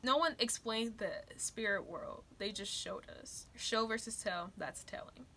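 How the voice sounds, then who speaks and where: Brief: young woman reactor, animated and fed-up, bright tone, faint room hiss. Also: on the high side, a little slow. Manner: exasperated, laughing, animated critique. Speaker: video reaction host. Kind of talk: reaction commentary.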